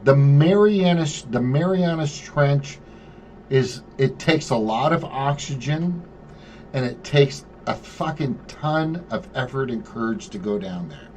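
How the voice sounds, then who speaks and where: A male host leads a loose group chat and talks in long, animated runs, swearing often and restarting his sentences. His voice sits at an ordinary pitch for a man. A faint hiss of background noise runs under the recording. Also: unhurried. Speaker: podcast host.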